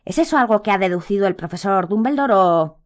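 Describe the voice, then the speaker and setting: A woman's voice: mid-range voice, expressive, fairly quick, natural voice. An impatient teenage wizard boy, read by a woman in a storybook, pushing his questions with urgency and a slightly raised voice. He sounds eager and restless. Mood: urgent.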